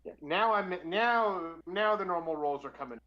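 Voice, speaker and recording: Man, tabletop player, higher pitch, eager, calls out rolls, distant muffled sound. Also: animated, moderate pace. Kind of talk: casual tabletop game chat.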